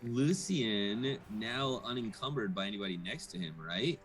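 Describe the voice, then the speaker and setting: A man's voice: lowish voice, expressive, moderate pace, a bit bright, faint music behind, poor audio. A man playing a tabletop game, talking casually through his moves.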